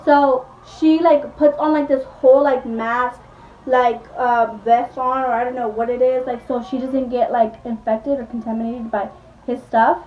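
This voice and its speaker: A woman's voice: a little high, steady tone, normal speed, distant mic, slight background noise. A woman vlogger casually retelling a movie plot, rambling with lots of "like" and acting out the characters' lines. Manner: rambling, full of "like", acts out quotes. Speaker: beauty vlogger. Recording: echoey room, voice from off-mic, dull sound.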